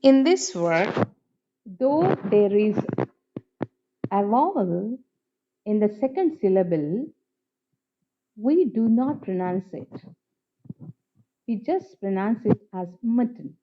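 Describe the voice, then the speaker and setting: A woman teacher giving a phonetics lesson, speaking slowly and carefully and saying each example word twice. Her pitch moves a lot as she stresses the words. The recording sounds dull and lo-fi. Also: sing-song. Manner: slow and deliberate, repeating each example word. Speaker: English teacher.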